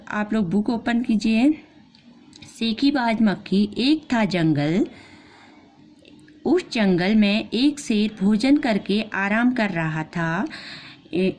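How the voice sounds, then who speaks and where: A woman teacher reads a story aloud to young pupils and explains it line by line, asking the class questions along the way. She slips English classroom phrases into her Hindi and acts out the animals' lines. Her pitch sits in a middle range, with faint noise behind her. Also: darkish tone. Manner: acts out the lion's roars and the fly's retorts as she reads. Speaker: primary school teacher. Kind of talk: reading and explaining a storybook lesson to children.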